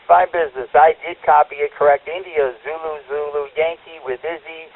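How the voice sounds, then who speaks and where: A man's voice: fairly high pitch, steady tone, brisk, dry recording. A man running a radio net as control operator, heard over a two-way radio transmission and talking in folksy, upbeat radio lingo. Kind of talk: radio net check-ins. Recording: tinny radio channel.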